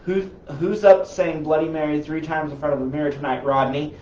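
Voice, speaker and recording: A man's voice: a little high, brisk. Rambling man on a roomy live stream. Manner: animated, rambling storyteller with restarts. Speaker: paranormal investigation group host. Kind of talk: casual live-stream chat. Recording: roomy, distant, slightly dull live-stream audio.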